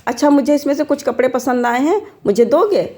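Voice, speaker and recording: A well-off horseman from a village folk tale, used to giving orders, as a woman storyteller plays him. His voice sits fairly high and speaks with easy command. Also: animated, a little fast, darkish tone. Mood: bossy. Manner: commanding, familiar address. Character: wealthy man on horseback, bossy.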